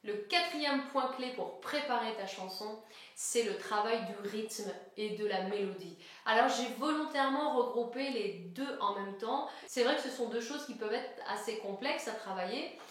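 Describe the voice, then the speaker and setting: Woman, singing teacher, high-pitched voice, step-by-step explaining, very echoey room. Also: a bit bright. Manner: clear step-by-step explaining, addresses viewer as tu. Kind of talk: online singing lesson.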